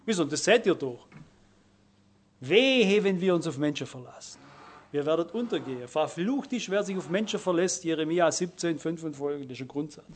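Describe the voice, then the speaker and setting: A man preaching a sermon, exhorting his listeners and swinging between quiet, low passages and loud, urgent ones. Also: animated, moderate pace.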